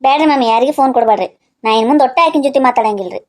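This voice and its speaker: A woman's voice: high voice, racing, darkish tone. A woman voicing a chatty young niece in a cartoon who complains about a friend, speaking. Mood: complaining.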